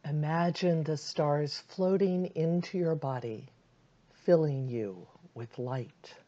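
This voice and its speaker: This meditation guide is a woman whose voice is low and soothing and who speaks very slowly. She gives calm, unhurried directions broken by long pauses, captured on a somewhat muffled recording.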